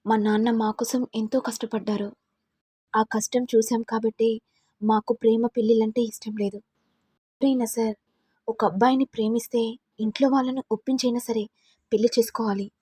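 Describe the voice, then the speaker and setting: Woman reading a dutiful young college girl, earnest, higher voice, slightly husky. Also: moderate pace, long pauses, dry recording, clean studio sound. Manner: earnest, respectful, excited chatter. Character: cheerful young woman student, dutiful daughter.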